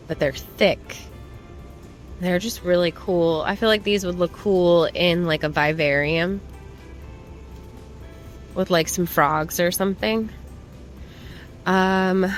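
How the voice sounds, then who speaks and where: A woman chatting casually to viewers in a shopping haul vlog, informal and rambling as she browses and remarks on items. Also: lowish voice. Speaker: plant shopping vlogger. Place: plant shop.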